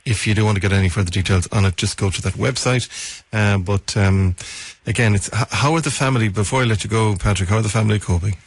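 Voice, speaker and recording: A man with an Irish accent and a husky voice hosting a live radio interview, phrasing his questions haltingly with repeated words. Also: on the low side, a little hiss or hum. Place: dry radio studio.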